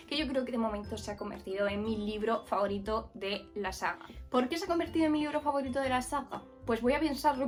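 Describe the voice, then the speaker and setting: A woman from Murcia, giving a casual, frank book review with many fillers and restarts. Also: a little high. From Murcia, Spain. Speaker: book vlogger.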